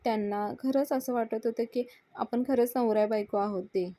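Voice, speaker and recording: A woman reading out a distressed young woman, higher and mellow, agitated questions, dry close sound. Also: fairly even intonation, moderate pace, no echo, lightly acted. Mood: pleading. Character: young woman, anxious and upset.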